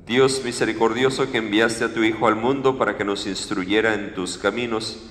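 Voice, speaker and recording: A male priest leading Mass at the altar, reciting prayers in a measured, solemn way. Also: lowish voice, a bit bright. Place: large church sanctuary, at the altar. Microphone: far fixed camera, room mic. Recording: echoey church with long reverb.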